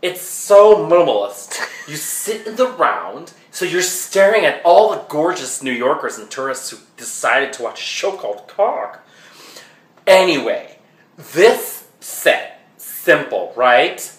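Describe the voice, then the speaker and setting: Man acting out a flamboyant Broadway fan, comedic monologue, rambling and sidetracked, slow drawl, roomy echo. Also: a little high, sing-song. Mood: chatty. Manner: rambling, sidetracked, filler-heavy with "like".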